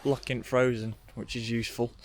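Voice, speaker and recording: Noisy surroundings accompany a young male vlogger as he talks to camera, first in his car and then among frozen trees. A cold makes his mid-range voice nasal, and he speaks at a normal speed. He's relaxed and offhand, and "bloody" comes up again and again.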